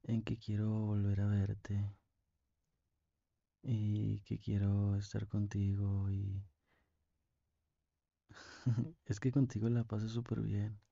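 A young man with a Mexican accent playing a tender, lovesick boyfriend on a call in an ASMR role-play, speaking intimately with pauses. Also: fairly low pitch, little pitch movement, gravelly, dark tone, dry recording, highs cut off. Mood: tender, devoted. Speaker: ASMR performer.

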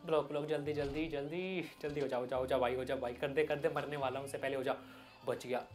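A man giving loud, excited Hindi gameplay commentary as a gaming YouTuber. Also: mid-range voice, fast talker, soft background music. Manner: loud, hyped, yelling at the game.

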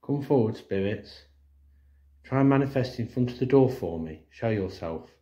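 A man's voice: medium pitch, expressive, normal speed, mellow, breathy edge, no echo. An English man investigating a haunted church, calling out to spirits and remarking on the building, filmed on a handheld phone. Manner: calls out firmly to spirits, then muses plainly. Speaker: paranormal investigator. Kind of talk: ghost-hunting commentary. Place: outdoors in a churchyard and inside a church porch. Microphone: handheld phone camera.

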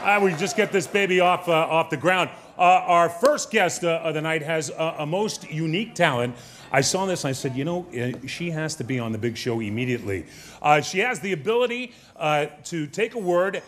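High, forceful middle-aged male show host. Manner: booming, emphatic announcing. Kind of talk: variety show presenting. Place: theater stage at a desk, before an audience. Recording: live stage, faint audience and room noise.

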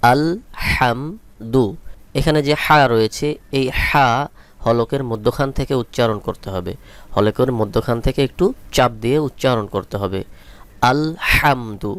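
Male Quran teacher, very slow and deliberate, smooth clear voice, dry close sound, spells letters one by one before chanting. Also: medium pitch, no room sound. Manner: spells letters and vowel marks one by one, then chants the words slowly. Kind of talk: slow spelling-out lesson with translation.

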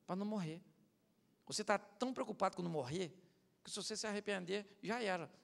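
A man preaching a humorous sermon as pastor, animated, acting out other people and swinging from shouts to mutters. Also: high voice, fast talker, gravelly. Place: large church hall. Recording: church hall with long reverb.

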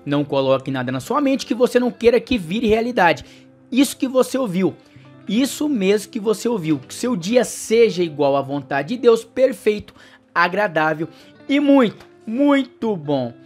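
A man's voice: high-pitched, very animated, normal speed, a little mellow, faint music behind. Brazilian man giving an upbeat horoscope reading. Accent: Brazilian Portuguese. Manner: affectionate, upbeat, speaks directly to the listener. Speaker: astrologer and channel host. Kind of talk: horoscope reading and sales pitch.

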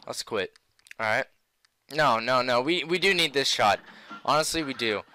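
A young man commentating on a video game in a panicked, exasperated manner, swearing and yelling in rage. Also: medium pitch. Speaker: gamer.

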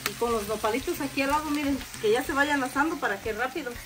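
High-voiced woman casually demonstrating home cooking. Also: fast talker, low-quality recording. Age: middle-aged. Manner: homely, explains step by step, checks in with viewers. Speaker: host of a home cooking video. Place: outdoor covered backyard kitchen.

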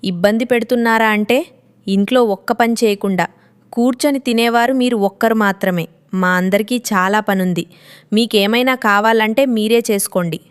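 A woman voicing a harsh young daughter-in-law who scolds in a sharp, complaining tone. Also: medium pitch, fairly even intonation, normal speed, smooth, natural voice. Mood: irritated.

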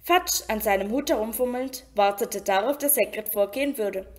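Lady reading an audiobook, bit high voice, even storytelling. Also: normal speed. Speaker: audiobook reader. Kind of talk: scripted narration.

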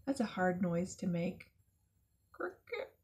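A woman educator reading a picture book aloud to children, expressive and chatty with asides to the kids. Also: mid-range voice, slow pace. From United States. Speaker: zoo educator. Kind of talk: children's storytime read-aloud.

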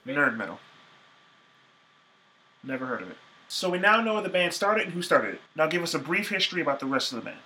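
A man's voice: a little high, big pitch swings, a little fast, pauses often, pushed and bright. Tired, chatty young man vlogging in a bedroom. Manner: chatty and playful. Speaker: music vlogger interviewing a band. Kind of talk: casual vlog talk to camera. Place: small bedroom. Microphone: camera mic at close range.

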